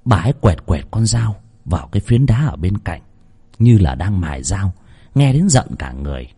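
A man narrating a dramatic Vietnamese folk ghost story with an expressive, swooping delivery. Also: deep voice, normal speed, husky.

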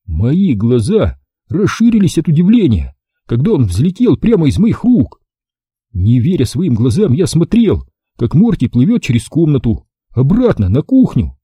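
A man narrating an audiobook in a lively, expressive storytelling manner. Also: a little high, normal speed, slightly rough, no echo, clean studio sound.

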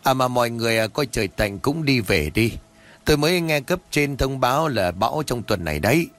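A man voicing a middle-aged village head who calmly reassures a crowd and sends them home. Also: mid-range voice, fairly quick, soft background music, natural voice. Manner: calm, reassuring announcements.

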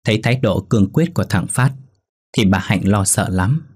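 Husky man narrating a ghost story. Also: on the low side, expressive, moderate pace, a little mellow.

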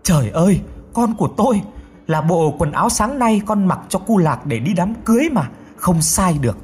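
A frantic young mother, as a male narrator puts her on, crying out high and loud. Her lines leap and swoop in pitch. This is an audiobook reading with faint noise behind. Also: expressive, moderate pace. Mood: wailing. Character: distraught young mother wailing for lost son.

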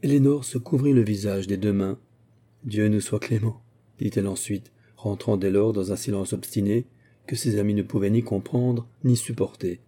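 A man reading a classic novel aloud in measured literary narration. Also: on the low side, mellow.

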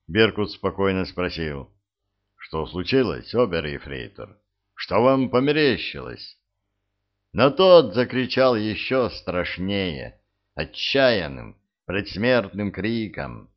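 A man narrates a wartime adventure in a fairly low voice. His reading is dramatic and expressive. The recording sounds dull and lo-fi. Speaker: audiobook narrator. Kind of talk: scripted war-story narration.

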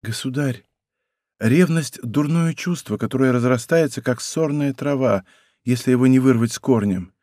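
A frail young woman pleads in a hushed, quiet voice, as a male narrator puts her on. The sound is dry and close, a studio audiobook recording at a middling pitch. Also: moderate pace, dry recording, natural voice. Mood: pleading. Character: fragile young woman, weak and despairing. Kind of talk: audiobook character voice. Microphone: close studio mic.

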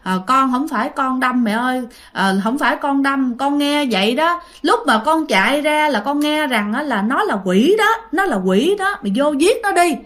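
A woman's voice: sits high, animated, normal speed, few pauses, fairly bright tone. A woman voicing a frightened young girl in a spoken ghost story. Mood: pleading.

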